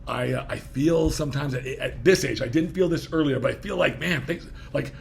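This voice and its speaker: A podcast host in his fifties conducts a casual interview, rambling, cutting himself off and laughing easily. His medium-pitched voice is brisk and creaky, and there is background noise.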